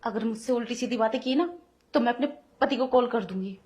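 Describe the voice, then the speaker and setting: A woman's voice: fairly high pitch, a little fast, background noise, close to an everyday voice. A woman voicing an indignant young wife in an audio drama, who scolds and protests sharply at her pushy brother-in-law. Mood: uneasy. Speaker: voice actor. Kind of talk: Hindi audio drama acting.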